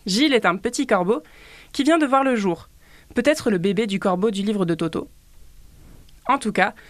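A woman's voice: fairly high pitch, no room sound. A woman presenting children's books for a library, in a playful scripted style with teasing asides. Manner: reads children's book aloud with animated cries. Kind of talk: scripted radio book review.

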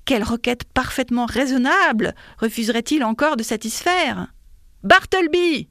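A woman reading a classic story aloud in a measured, expressive way. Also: a little high, no room sound, studio quality. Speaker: audiobook reader. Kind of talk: scripted narration of a classic novella.

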